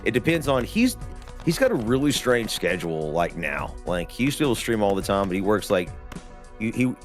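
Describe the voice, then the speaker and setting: A man's voice: on the low side, big pitch swings, brisk, soft background music. Rambling man hosting a gaming stream. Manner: rambling, laughs often, drawling asides. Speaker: stream host. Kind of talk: casual gaming stream chat.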